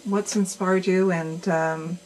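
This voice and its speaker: Enthusiastic woman interviewer, lower voice. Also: steady tone, slow, a little mellow, slight background noise, poor audio. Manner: chatty, enthusiastic. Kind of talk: interview hosting. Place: lounge bar.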